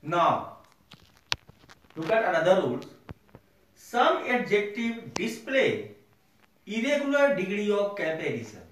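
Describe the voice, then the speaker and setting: A man teaching a grammar lesson to students, slowly repeating each point for the class. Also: high voice, big pitch swings. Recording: roomy echo, distant mic.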